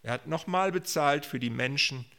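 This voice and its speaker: A man preaching a sermon, swinging between loud proclamations and quiet, almost whispered asides. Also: on the high side, normal speed.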